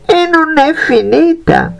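A man voicing a kind old woman in a fairy tale, speaking in a high quavering granny voice. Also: animated, takes it slowly, vocal fry, faint music behind, exaggerated voice. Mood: kindly.

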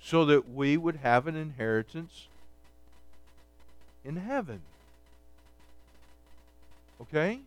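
A man's voice: a little high, sing-song, takes it slowly, pauses often, no echo. A man preaching a midweek Bible study sermon, reading scripture aloud and explaining it conversationally, often checking in with "okay" and "all right". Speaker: pastor.

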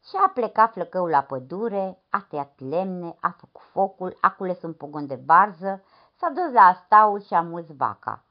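A woman narrating a folk tale as a storyteller, in an expressive, dramatic manner. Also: lowish voice. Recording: dull lo-fi recording.

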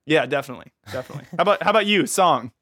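A young man co-hosting a casual podcast, quick and jokey in how he talks. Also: fairly high pitch, lively intonation, pushed and bright, no echo, studio quality. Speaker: podcast co-host.

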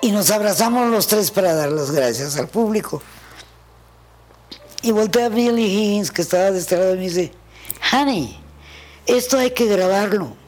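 Husky woman telling lively stories. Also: medium pitch, moderate pace, faint music behind. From Mexico. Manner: animated storyteller who acts out the voices in her anecdotes. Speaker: pianist guest. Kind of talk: storytelling in an interview.

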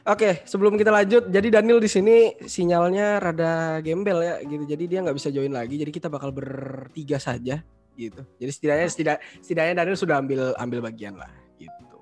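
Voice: mid-range voice, brisk, darkish tone, faint music behind. A casual podcast host leads a talk between friends, with a voice in a middle range. The host is chatty, throws in short reactions and moves the talk on with questions.

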